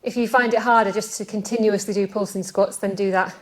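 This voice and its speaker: A woman's voice: mid-range voice, steady tone, fairly quick, low-quality recording. A woman leading a bodyweight workout, talking through each exercise while doing it herself, chatty and a bit out of breath. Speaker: fitness coach. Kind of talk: workout instruction. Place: outdoors.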